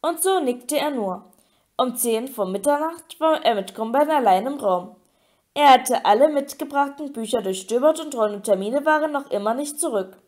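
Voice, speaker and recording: A woman narrating an audiobook with a steady, expressive reading. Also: sits high, normal speed. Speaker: audiobook reader.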